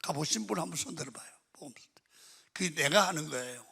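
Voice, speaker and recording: An older male pastor preaches in a lively storytelling sermon, jumping between loud outbursts and hushed asides. His voice is husky with a gravelly edge and sits fairly high for a man. A long reverb from the large sanctuary trails after his words. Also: quick pace. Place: large prayer-retreat sanctuary. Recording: reverberant church hall.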